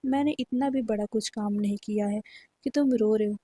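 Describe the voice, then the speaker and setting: A woman's voice: mid-range voice, brisk, warm tone, no echo, natural voice. Woman voicing a teasing playful young man. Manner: teasing, bantering.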